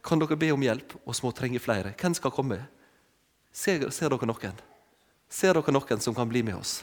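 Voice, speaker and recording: A man's voice: mid-range voice, animated. A man preaching an interactive sermon with props, calling volunteers forward and coaxing them with short repeated commands. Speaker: preacher leading an object lesson with volunteers. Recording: long hall reverb.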